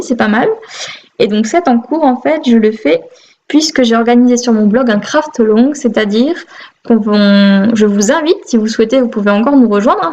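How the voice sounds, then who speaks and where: A woman's voice: a little high, darkish tone, lo-fi sound. A woman in a casual vlog, chatting cheerfully from her home, with many fillers. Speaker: craft vlogger. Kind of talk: casual chat. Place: home room with a Christmas tree.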